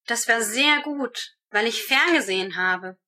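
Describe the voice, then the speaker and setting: A woman giving rehearsed answers to German speaking-exam questions in a steady, measured way. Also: a little high.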